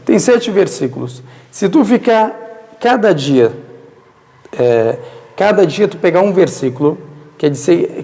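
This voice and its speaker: Arabic-native man, fairly high voice, teaching religion through question-and-answer prompts, recorded in a reverberant hall. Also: vocal fry, mellow. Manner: poses rhetorical questions and answers them himself. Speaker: Islamic teacher. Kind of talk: religious lesson. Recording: long reverberant hall echo.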